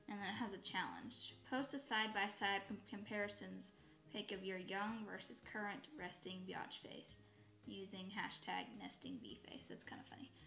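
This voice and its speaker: Her voice mid-range, sharp and slightly raspy, a chatty woman rambles through a get-ready-with-me video, correcting herself and dropping asides. She's a beauty vlogger recording indoors in her bedroom. The room gives an echoey sound.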